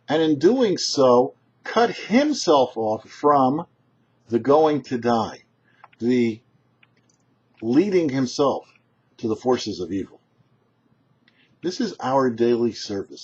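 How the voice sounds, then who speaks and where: A rabbi hosting a show gives a short religious teaching in a very husky, rough voice. His pitch rises and falls in a lively way, and his phrasing is deliberate and emphatic, with dramatic pauses. The recording sounds slightly dull and muffled.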